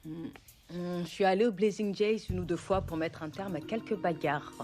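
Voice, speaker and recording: Une actrice jouant une policière sûre d'elle, au ton familier, un brin pince-sans-rire. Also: female voice, on the low side, steady tone, normal speed, darkish tone, close to an everyday voice. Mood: guarded, offended. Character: teasing, self-assured policewoman, the cook's lover. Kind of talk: French-language acted film or series dialogue. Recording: music behind the dialogue.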